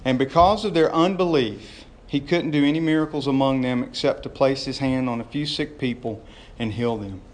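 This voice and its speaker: A man's voice: medium pitch, normal speed, darkish tone. A man preaching an informal, conversational sermon, folksy in his wording and often putting questions to his listeners. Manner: folksy, addresses listeners as gang, boys and y'all.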